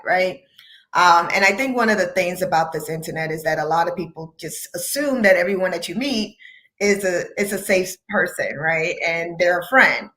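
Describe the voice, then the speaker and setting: A woman's voice: fairly low pitch, a bit bright. A woman co-hosting a casual online panel discussion, talking conversationally and often ending points with "right?". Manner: conversational, frequent "right?" tags and laughs. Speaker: panel co-host.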